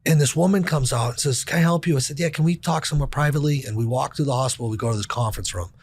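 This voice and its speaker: A man's voice: mid-range voice, rapid-fire, a little mellow, husky. A man talking as a podcast guest, telling a personal story in a blunt, profane, casual way with lots of fillers.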